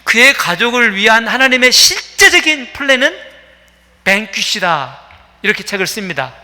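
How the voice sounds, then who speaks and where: A man's voice: high-pitched, very animated, normal speed, pushed and bright. A man preaching a sermon as pastor, telling a story with many fillers and acting out the quoted voices. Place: church sanctuary. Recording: long reverb of a church hall.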